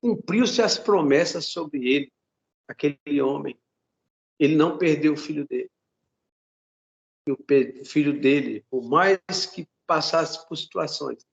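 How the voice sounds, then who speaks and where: Fervent Brazilian pastor, dull lo-fi sound. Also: male voice, a little high, vocal fry. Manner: fervent, repeats words, addresses listeners as brothers. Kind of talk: sermon with a retold testimony.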